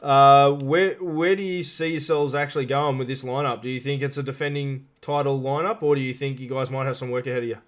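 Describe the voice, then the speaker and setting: A man's voice: mid-range voice, level tone, fairly quick, hardly any pauses. A man hosting a casual live interview show, matey and informal, feeling his way through questions.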